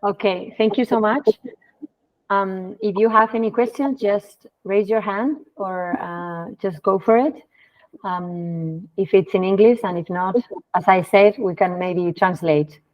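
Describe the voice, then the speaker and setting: A woman's voice: medium pitch, measured pace, lo-fi sound. A woman moderating an online meeting, inviting and encouraging the audience to ask.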